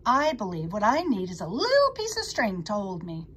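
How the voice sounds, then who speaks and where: A woman's voice: sits high, moderate pace, husky, pitched above the performer's own voice, exaggerated voice. A woman doing an eager, boastful young pig. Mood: cheerful. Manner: excited and earnest.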